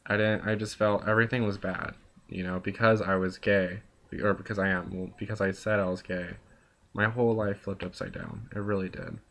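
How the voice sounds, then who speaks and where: Speaking directly to his viewers, a young adult vlogger delivers an unscripted, casual confessional monologue. His slightly low voice is gravelly and full of vocal fry, yet fairly bright in tone. He rambles earnestly, packed with "like" and "you know," and is sometimes bluntly profane.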